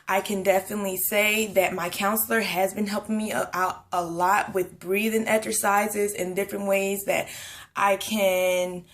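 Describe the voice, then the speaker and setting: A woman's voice: medium pitch, little pitch movement, moderate pace, fairly bright tone. Young woman vlogging, kinda breathless, lots of um and you know. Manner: chatty, rambling, many fillers. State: a bit out of breath. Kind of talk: casual pregnancy vlog. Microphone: camera at close range.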